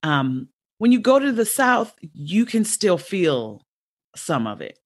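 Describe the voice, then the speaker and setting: A woman in her forties hosting a podcast, chatting casually and thinking aloud, with many restarts and sudden jumps up in pitch. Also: big pitch swings, slow pace. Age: 40s. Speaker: podcast host and educator. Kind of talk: casual conversational interview.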